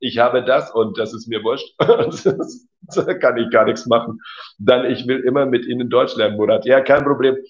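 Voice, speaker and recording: A man's voice: medium pitch, moderate pace. A man teaching German in a casual livestream, reading out viewer comments, correcting them and laughing easily. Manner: chatty, reads out and corrects comments, laughs often. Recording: slightly dull lo-fi audio.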